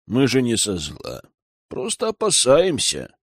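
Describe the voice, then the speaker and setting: A cautious old village elder speaks mildly and hesitantly, as a male narrator voices him. He tries to calm things down rather than argue. The sound is dry and close, like a storybook reading. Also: mid-range voice, measured pace, dry recording, exaggerated voice. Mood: wary.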